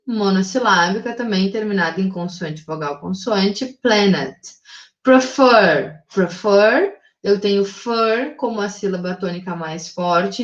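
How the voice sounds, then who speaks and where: Slow-paced Brazilian woman teaching. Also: medium pitch. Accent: Brazilian Portuguese. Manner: explains slowly, reads English examples very slowly, adds "tá?" and "né?". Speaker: English teacher. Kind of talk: recorded remote class lesson. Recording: echoey room, dull lo-fi audio.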